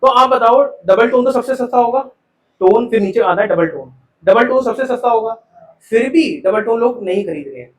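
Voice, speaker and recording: A male teacher lectures a live commerce class in a high, bright-pitched voice, peppering students with questions and calling them "beta". He is caught from a distance by the camera, so his voice rings with the echo of the classroom. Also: lively intonation, moderate pace. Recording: echoey classroom from far off.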